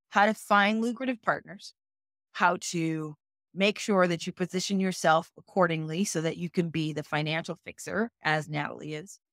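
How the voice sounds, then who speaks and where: A woman's voice: medium pitch, fairly bright tone, no echo. Middle-aged woman business coach hosting a live web class, chatty and interactive, keeps asking viewers if it makes sense, dry close sound. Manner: reacts to viewer comments aloud.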